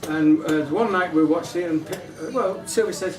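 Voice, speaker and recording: A man's voice: a little high, moderate pace. A middle-aged man giving an informal, affectionate father of the bride speech in a hesitant, rambling way at a wedding reception. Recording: echoey room, distant mic, audience noise. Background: guests murmuring and laughing.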